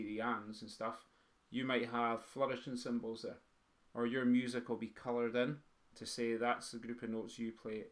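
A man teaching pipe band drummers to write music, counting beats aloud and singing the rhythms in drum syllables. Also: medium pitch. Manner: sings drum rhythms in vocables; quizzes the students. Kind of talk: teaching a music theory lesson.

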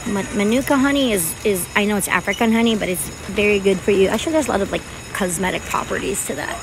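A woman's voice with a middling pitch, chatting to her viewers and rambling from one thing to the next as she walks through a big store. Store noise sits clearly behind her. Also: fast. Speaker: vlogger. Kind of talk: casual chat while shopping. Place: large store.

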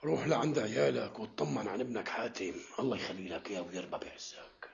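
An actor playing a kindly, respected sheikh in a Syrian period drama, gentle and paternal, with a Damascene accent. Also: male voice, lowish voice, lively intonation, quick pace, creaky. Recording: muffled with background noise.

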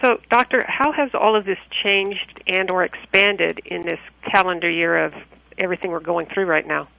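High gravelly co-host on a dull line. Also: male voice, steady tone, moderate pace, sharp tone, no echo. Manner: polite, earnest questioning. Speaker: radio co-host. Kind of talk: radio interview. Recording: dull dry phone-line radio audio.

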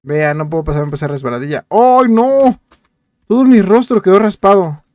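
A man with a fairly high voice gives playful, chatty commentary as he plays, often repeating short words in quick bursts. He addresses his viewers directly and jokes along the way. The sound is dry and close, with no room around it. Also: animated, a little mellow, dry recording. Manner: chatty, jokey, talks to viewers while playing. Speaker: gameplay youtuber. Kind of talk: casual game commentary.

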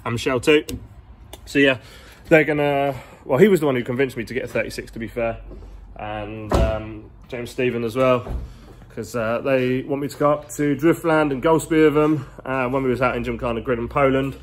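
A car vlogger in his twenties walks a large indoor garage workshop, filming on his phone at arm's length and chatting in a casual, rambling, slangy style. He has a mid-range voice, keeping a steady tone at normal speed.

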